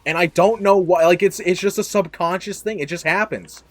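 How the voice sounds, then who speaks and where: Young male podcast host, rambling, self-deprecating, prone to loud outbursts. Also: sits high, steady tone, brisk, dry recording. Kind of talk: casual chat.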